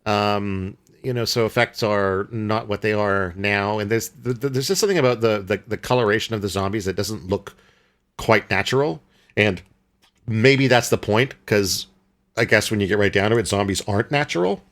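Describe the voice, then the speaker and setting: A man's voice: lowish voice, moderate pace, a bit bright. A young adult man co-hosting a podcast, talking casually about a film and often stopping to search for words with fillers and restarts. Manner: rambling, hesitant with many fillers and restarts. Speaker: podcast co-host.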